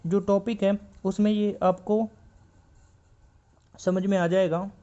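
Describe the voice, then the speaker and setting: Patient male shorthand teacher, mellow tone. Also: high-pitched, highs cut off. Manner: patient, repeats each point several times; reads English textbook lines slowly. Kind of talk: classroom explanation.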